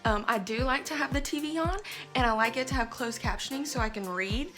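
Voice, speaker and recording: A woman in her thirties from the States, chatting casually in a home vlog and filling pauses with "um". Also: on the high side, a bit bright, soft background music. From Southern US. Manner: chatty, frequent "um" fillers. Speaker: family vlogger.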